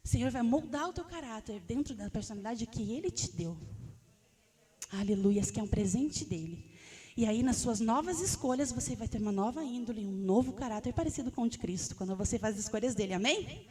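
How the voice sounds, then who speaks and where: A woman pastor preaching a sermon, animated, often calling out hallelujah and acting out pleading prayers. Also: a little high, fairly quick, breathy edge. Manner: acts out prayers in a raised pleading voice.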